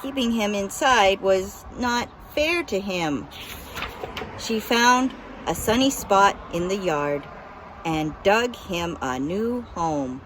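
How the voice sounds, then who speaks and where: Woman reading a kids story, slow pace, bright clear-cut tone. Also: medium pitch, expressive, a little hiss or hum, low-quality recording. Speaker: storybook narrator. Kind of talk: scripted children's story narration.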